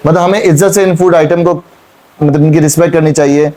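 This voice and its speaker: A man's voice: a little high, steady tone, quick pace, warm tone. A man teaching a Quran class, explaining verses and questioning his students, repeating key points. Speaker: Islamic teacher.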